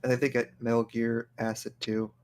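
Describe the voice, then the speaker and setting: A man's voice: mid-range voice, flat delivery, fairly quick. A man chatting casually as a co-commentator over gameplay. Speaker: gaming co-commentator.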